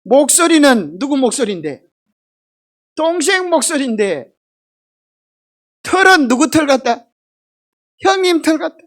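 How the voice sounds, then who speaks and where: A woman's voice: high-pitched, sing-song, a little slow, long pauses. A woman voicing a stern old father in a Bible story, drawing out scolding words. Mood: suspicious.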